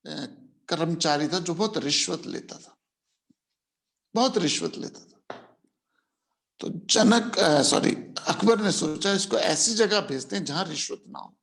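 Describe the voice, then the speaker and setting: A man delivers a spiritual discourse in a slow, unhurried way, turning phrases over twice to press them home. His voice sits high, with a gravelly fry running through it, and English phrases drop into his talk. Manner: deliberate, repeats phrases for emphasis, mixes English into Hindi. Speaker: spiritual teacher. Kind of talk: spiritual discourse with a storytelling aside.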